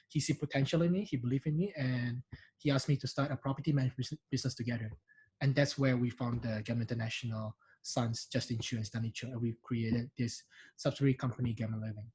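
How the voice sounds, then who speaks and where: Husky-voiced man with a Singaporean-Indonesian accent. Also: mid-range voice, low-quality recording. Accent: mixed Singaporean and Indonesian. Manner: animated, laughs easily, many restarts. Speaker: guest. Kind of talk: casual interview chat.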